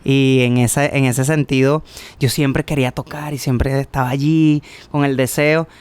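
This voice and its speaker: On a podcast, a young man who co-hosts and plays music at church recounts a personal church story, voicing each character in the dialogue with lively flair. His mid-range voice is smooth and moves at a measured pace. The recording is dry.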